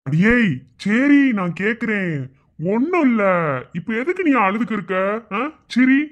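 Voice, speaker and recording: A woman's voice: fairly high pitch, sing-song, measured pace. A woman voicing a short-tempered but doting young husband with a Madurai Tamil accent, coaxing and teasing in a cartoon. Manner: coaxing and teasing after scolding. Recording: dull lo-fi sound.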